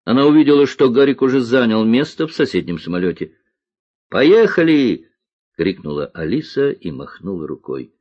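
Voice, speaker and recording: A man reading a children's story aloud with expressive storytelling, in a dull lo-fi recording. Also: on the low side, fairly quick. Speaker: narrator.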